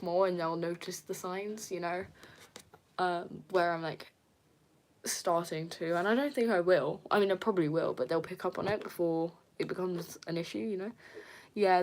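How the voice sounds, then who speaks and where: Soft-spoken young woman chatting on a livestream. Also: on the low side. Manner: soft, hesitant, many fillers, giggly. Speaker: livestreamer reading viewer comments. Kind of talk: casual live-stream chat.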